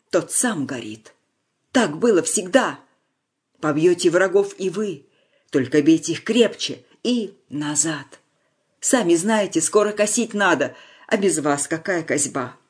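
A reader voicing an old village elder who loudly and cheerfully blesses young men leaving for war, in a storybook reading. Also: mid-range voice, slightly rough. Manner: loud and cheerful, solemn blessing.

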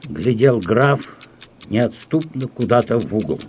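A man narrating a humorous audiobook in a measured, deadpan storytelling manner. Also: mid-range voice, a little hiss or hum.

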